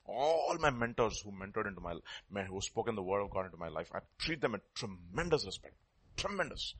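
A man's voice: fairly low pitch, lively intonation, fast talker, fairly bright tone, husky. A man with a South Indian Telugu accent preaching a sermon in a teacherly way, repeating key words for emphasis and putting questions to his listeners.

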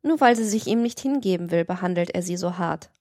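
A woman's voice: lowish voice, animated, a little fast, darkish tone, dry recording, studio quality. A woman reading an earnest, worried young friend. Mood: urgent. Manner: urgent, earnest warning.

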